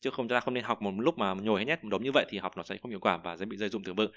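A man's voice: fairly low pitch, racing, fairly bright tone, no room sound. A man teaching a vocabulary lesson, thinking aloud and repeating each word with many fillers. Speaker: Chinese teacher.

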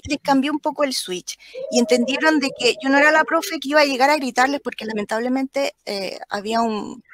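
High-voiced Chilean woman telling a story. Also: brisk. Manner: animated, acts out the children's voices. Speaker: teacher, interview guest. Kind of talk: storytelling anecdote in live chat.

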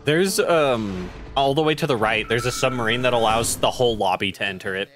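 A man chatting casually while playing a game, jumpy and quick to yelp when startled. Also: mid-range voice, fairly bright tone, soft background music. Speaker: gamer. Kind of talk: casual gaming chat.

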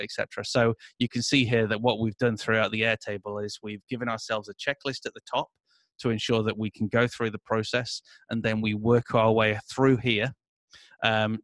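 A man explaining a software setup during an interview, walking through his screen in a relaxed, filler-heavy way. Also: on the low side, no room sound. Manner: explanatory, many fillers and "et cetera". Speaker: interview guest, agency owner. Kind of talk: casual screen-share walkthrough.

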